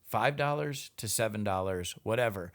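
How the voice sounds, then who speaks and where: A man hosting a casual podcast chat, with a dry, teasing humor and relaxed asides. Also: on the low side, moderate pace, creaky. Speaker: podcast host.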